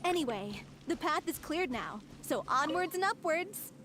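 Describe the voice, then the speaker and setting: A woman's voice: high voice, big pitch swings, unhurried, a bit bright, full character voice. Teasing young woman. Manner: teasing, upbeat. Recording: game audio, faint background noise.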